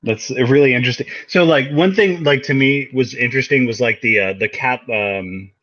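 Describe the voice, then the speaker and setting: Brief: male co-host, mid-pitch, musing and hesitant, dull lo-fi dry sound. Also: normal speed, fairly bright tone, no room sound. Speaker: podcast co-host. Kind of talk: casual chat.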